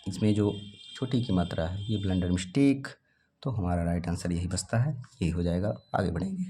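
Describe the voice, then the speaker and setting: A man's voice: on the low side, warm tone. A man teaching an exam practice lesson, sounding out words aloud as he eliminates wrong answers.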